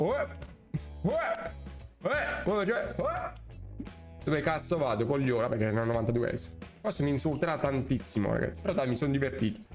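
A young man, giving excitable, swearing live commentary on his own gameplay and shouting at the game. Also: mid-range voice. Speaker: gaming content creator.

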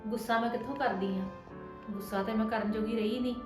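A woman voices a young wife wrongly blamed in a scripted domestic drama, the earnest, hurt daughter-in-law who is sick of taking the blame. Her voice is on the high side with a steady tone, lightly acted, quick, pleading and defensive; the sound is reverberant with music in the background.

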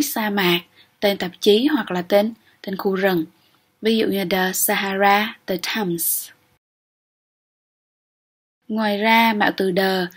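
In this exam-prep grammar lecture, a young woman explains English step by step, often pausing to ask "ok?". Her voice is mid-range with a touch of breathiness.

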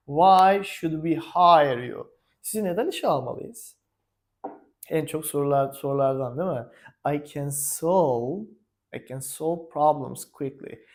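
A man with a Turkish accent teaching a casual spoken English lesson, energetic, slipping English phrases into his Turkish. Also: fairly high pitch.

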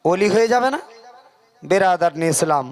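A man preaching a sermon at a religious gathering over a PA microphone, singing drawn-out devotional verses and calling on the crowd to answer aloud. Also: high voice, lively intonation. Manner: chants drawn-out devotional verses, then preaches in quick bursts; calls on the crowd to respond aloud. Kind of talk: Bengali waz sermon with sung verses.

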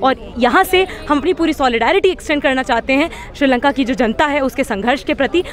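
A woman's voice: high-pitched, fairly quick. A young woman activist gives an impassioned interview at an outdoor street protest, speaking into several press mics with rhetorical force and frequent restarts. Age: young adult. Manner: fiery, rhetorical, many fillers and restarts. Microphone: several handheld press mics held close.

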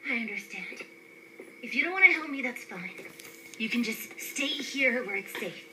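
An actress playing a young, earnest, emotional cartoon heroine, dramatic, heard from a television. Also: female voice, a little high, lively intonation, normal speed, sharp tone, slight background noise, poor audio. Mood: hurt. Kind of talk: animated cartoon acting. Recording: played from a television, re-recorded. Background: cartoon music.

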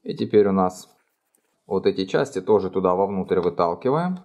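A middle-aged man calmly explaining each fold in a step-by-step origami tutorial, recorded indoors at a table. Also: low-pitched, normal speed, highs cut off. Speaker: origami instructor. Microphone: overhead camera framing hands only.

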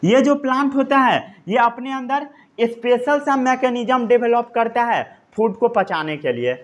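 A male science teacher with an Indian accent lectures a class in a high voice. He goes slowly, asks quick check questions and repeats each point so students can write it down. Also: lively intonation, dull audio. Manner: repeats points, quizzes the class, dictates notes.

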